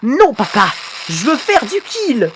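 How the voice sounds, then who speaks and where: A woman's voice: a little high, wildly swooping pitch, slow pace, slight background noise, pitched above the performer's own voice, full character voice. A woman voicing a cheeky, impatient young alien son who whines and mocks his father. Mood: whiny.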